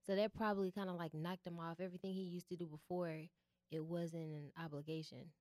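In a dry studio recording with no echo, a young female guest talks briskly in a fairly low voice. An artist and founder, she's open and easygoing in this casual interview, sprinkling in lots of fillers.

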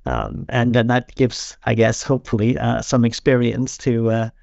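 A man's voice: mid-range voice, little pitch movement, moderate pace, creaky, darkish tone, no echo, muffled recording. A man from Sweden, a podcast guest, talking casually and often repeating words as he restarts. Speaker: guest, company founder.

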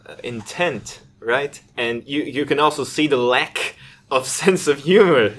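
A man's voice: medium pitch, unhurried. A man in a casual group discussion, making his argument and often ending with "right?". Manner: argumentative, ends points with "right?". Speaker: discussion participant.

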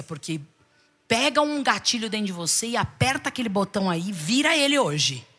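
A middle-aged Brazilian woman bishop preaching to a congregation, animated, with rhetorical questions and calls for the people to repeat after her. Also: medium pitch. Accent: Brazilian Portuguese. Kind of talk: sermon.

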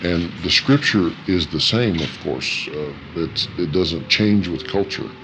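A man giving thoughtful, halting interview answers as a guest, his voice electronically disguised. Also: noisy background. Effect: disguised voice, electronically lowered. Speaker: interview guest, missionary worker. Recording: music under the voice. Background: music.

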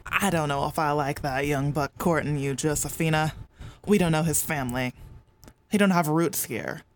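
This is a blustering old country father voiced by a woman. He grumbles in a low, subdued, folksy drawl. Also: normal speed, a little hiss or hum, lightly acted. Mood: gruff. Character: gruff older rustic patriarch, blustering father.

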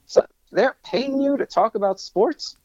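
A man's voice: extremely high pitch, unhurried, darkish tone, lo-fi sound. A man in his thirties from Long Island, a sports broadcaster, talking enthusiastically with many restarts and fillers. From Long Island, New York. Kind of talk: casual interview talk.

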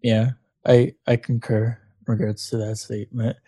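A man's voice: mid-range voice, flat delivery, normal speed, dark tone, slightly rough, dry recording. A man from Canada co-hosting a casual chat, reflective and hesitant with many fillers. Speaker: podcast co-host.

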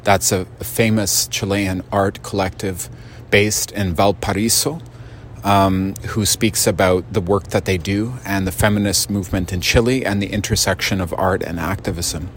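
Low-voiced male radio host, hesitant. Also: fairly even intonation, normal speed, slight background noise. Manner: hesitant, many fillers. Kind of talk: hosted radio introduction.

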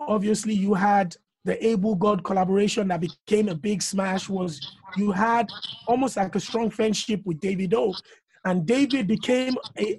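A man hosting a podcast, asking measured, prompting interview questions. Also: high voice, darkish tone, no echo. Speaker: podcast host.

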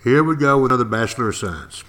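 A man's voice: mid-range voice, expressive, sharp tone. East Texas man telling folksy history. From East Texas, United States. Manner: folksy, wry, emphatic pauses and repetition. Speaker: podcast host and history storyteller. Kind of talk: informal history monologue.

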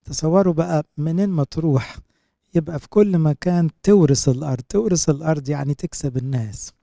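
Man, Egyptian Arabic accent, priest, sermon commentary, quotes verses then explains, slightly high pitch, dry close sound. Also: quick pace, gravelly, warm tone, no echo. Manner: explains scripture in colloquial asides, quoting verses.

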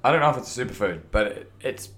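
A man with a fairly low voice and a broad New Zealand accent. He talks as a podcast guest in casual conversation, relaxed and matey, with plenty of slang. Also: quick pace, slight background noise. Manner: laid-back, slangy, matey. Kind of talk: casual chat.

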